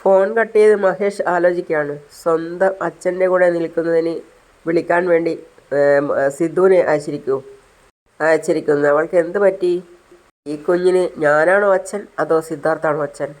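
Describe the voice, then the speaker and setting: A man's voice: a little high, steady tone, normal speed, poor audio. Man casually narrating a family story. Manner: retells a family drama, voicing all characters himself with little change of voice.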